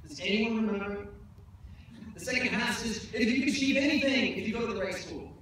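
A man's voice: high-pitched, fairly quick, fairly bright tone. Young man speaking at a graduation. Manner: earnest, self-deprecating jokes. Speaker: commencement speaker. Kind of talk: graduation speech. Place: outdoor tent stage. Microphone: podium mic, filmed from far off. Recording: echoey PA sound from far off, noisy.

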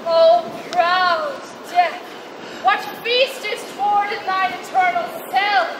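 Solemn conqueror played by a woman, Shakespeare stage, high slow formal declamation, noisy outdoor recording. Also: fairly even intonation. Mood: solemn, commanding. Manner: declamatory, formal, drawn-out phrases. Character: commanding, solemn conquering royal soldier. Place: open-air plaza stage at night. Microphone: far camera.

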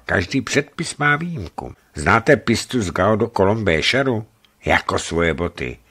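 Man doing a gruff veteran sergeant, blunt and sure of himself, very deep voice, lively swings in tone, radio storybook. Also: exaggerated voice. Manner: blunt, confident, conspiratorial. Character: gruff veteran ex-legion sergeant, bold trader. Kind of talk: radio book reading.

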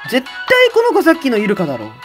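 A woman streaming a game in casual commentary, loud and laughing a lot, with rough boyish talk. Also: fairly high pitch, huge pitch swings, quick pace, soft background music.

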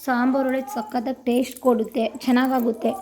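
A woman's voice: on the high side, flat delivery, fairly quick, warm tone, slight background noise. A woman from Karnataka casually narrating a cooking vlog in her home kitchen, chatty and homely, repeating her phrases. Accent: Kannada, Karnataka. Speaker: vlogger.

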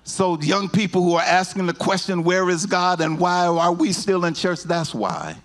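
Speaking animatedly into a handheld mic, a middle-aged pastor preaches in a church sanctuary. He starts with slow, low teaching and builds to climaxes that are shouted and half sung.

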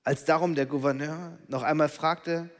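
A man preaching a sermon dramatically, swinging between loud calls and hushed whispers. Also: on the high side, steady tone, moderate pace. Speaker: pastor. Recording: long reverb of a large hall.

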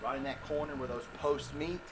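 This fishing vlog host has a medium-pitched voice with background noise behind it. He's out on a boat near a dock, excitable and exclaiming, breaking into quick laughs throughout the excited outdoor video.

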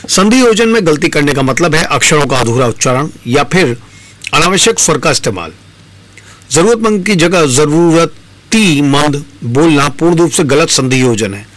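A man presenting a campus radio lesson on pronunciation, talking in a measured, explanatory way and stressing each example word. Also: mid-range voice, a bit bright. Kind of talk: instructional talk on pronunciation.

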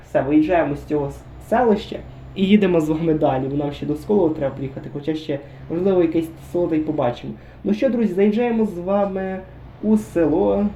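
Dark-voiced man chatting over gameplay. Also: on the high side, muffled recording, a little hiss or hum. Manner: chatty, musing aloud, addresses viewers directly. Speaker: game commentator. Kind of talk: casual gameplay commentary. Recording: roomy echo.

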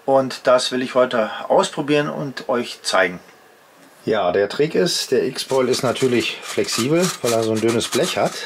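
This outdoor gear channel host, a man in his fifties, sounds animated, talking at a normal speed in a medium-pitched voice over a slight hiss or hum. Standing at his home workshop bench indoors, he hosts a casual gear vlog, chatting to his audience and walking through each step as he shows it.

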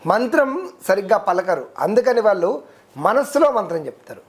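A man, a devotional guest explaining worship rules in a steady, teacherly way, listing terms one by one. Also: high voice, normal speed. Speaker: devotional guest speaker on ritual. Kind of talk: explanatory interview talk.

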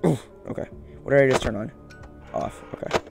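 A young man hosts a gaming video from a small room at home, giving casual commentary while he plays and repeating short phrases to himself. His medium-pitched voice is brisk with vocal fry, and game music plays in the background.

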